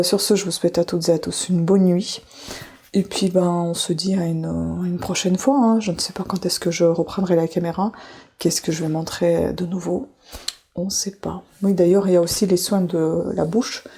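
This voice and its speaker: A woman's voice: lowish voice, creaky, slightly rough. A middle-aged woman chatting casually to the camera while she does her evening skincare in a bathroom at home. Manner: relaxed, chatty, talks while doing skincare. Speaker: beauty vlogger. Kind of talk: casual vlog chat.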